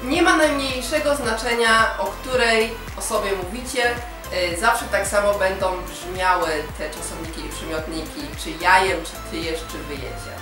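A woman's voice: medium pitch, moderate pace. A woman teaching a language lesson, explaining grammar rules step by step in a patient way. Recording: very echoey room, voice from far off, music behind.

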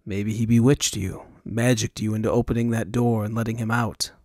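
A man voicing a blunt, impatient male frontier mercenary who keeps his voice low and curt, in a storybook audiobook. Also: flat delivery, moderate pace, a little mellow, dry recording, studio quality, natural voice.

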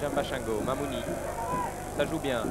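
A man giving excited football commentary as a match commentator, his voice surging with the play. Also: medium pitch, normal speed, over loud music. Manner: voice surges on chances and goals.

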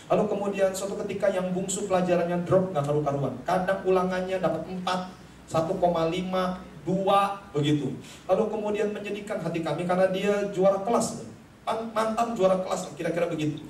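A middle-aged man preaching from a pulpit, his voice sitting high for a man. He tells a personal story with animation, acting out the voices of the people in it and turning often to the congregation. He is picked up from a distance in a roomy, echoing hall with faint noise underneath. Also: a little fast, darkish tone. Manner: addresses the congregation directly. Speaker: pastor. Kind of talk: sermon.

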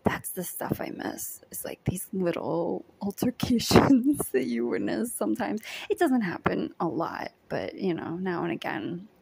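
A woman's voice: medium pitch, lively intonation, measured pace, hardly any pauses, a little mellow. A young woman chatting casually in a storytime diary vlog, giggly and often half-whispering, with lots of likes and ums. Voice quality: breathy, with vocal fry. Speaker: vlogger recounting a day as a background extra.

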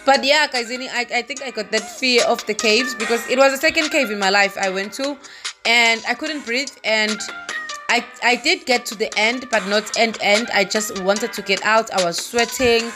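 A woman's voice: fairly high pitch, moderate pace, music in the background. Chatty woman vlogging. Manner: chatty, rambling, laughs at herself. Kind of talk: casual travel vlog. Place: walking outdoors, then inside a cave. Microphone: handheld phone.

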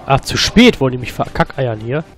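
A man hosting his own gaming channel, giving excitable, slangy let's play commentary and swearing often. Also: medium pitch, a little fast.

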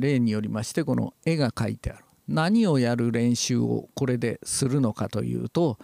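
A man giving a calm, measured lecture on voice training, explaining step by step with frequent hesitation fillers. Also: mid-range voice, creaky, no room sound, studio quality.

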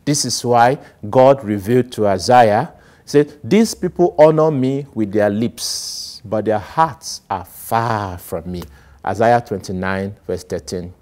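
This homily comes from a middle-aged man, a priest who preaches slowly, with loud parts giving way to quiet ones. Wearing a lapel mic inside a small plant-filled studio set, he gestures sweepingly and animatedly, switching between emphatic outbursts and hushed asides.

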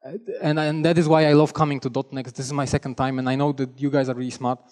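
Speaking into a headset mic on a large conference stage, a man from Poland gives a technical talk with a Polish accent, chatty and self-deprecating, restarting often. He talks fast in a mid-range, slightly mellow voice with little pitch movement, and the hall is reverberant.

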